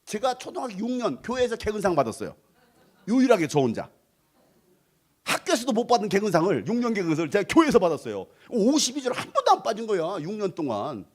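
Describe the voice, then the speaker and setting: A man's voice: sits high, brisk. A middle-aged Korean pastor from North Jeolla telling his childhood story in a playful revival sermon and joking with the congregation. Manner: animated and playful, sings snatches of song and acts out voices; jokes with the congregation and asks them to raise hands. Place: church sanctuary.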